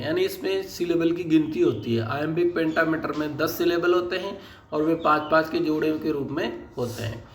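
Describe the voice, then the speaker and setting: A man giving a lesson, explaining terms patiently and reading English lines aloud slowly word by word. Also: a little high. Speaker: teacher. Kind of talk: recorded lecture explaining English poetic meter. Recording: echoey room with faint background noise.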